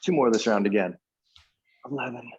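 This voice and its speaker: A man's voice: medium pitch, moderate pace, darkish tone, breathy edge, lo-fi sound. A man coaching a live workout in an echoey indoor room, giving short cues and counting reps as he exercises along. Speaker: fitness coach leading a workout class.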